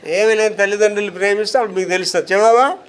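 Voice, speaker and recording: A man's voice: high-pitched, very fast, clear, resonant tone. A pastor from India preaching a sermon, emphatic and firing rhetorical questions at his listeners.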